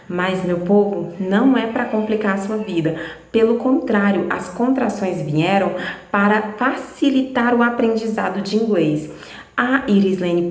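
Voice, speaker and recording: Slow-talking woman teaching in an echoey room. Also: medium pitch, gravelly. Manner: chatty, repeats examples slowly, addresses viewers directly. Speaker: English teacher. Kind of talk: casual online lesson.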